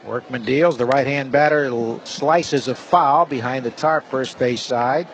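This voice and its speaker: Broadcasting live radio play-by-play of a baseball game, this male announcer speaks at a measured pace in a mid-range voice. He's in a stadium booth, the audio is poor, and loud, steady ballpark noise runs underneath.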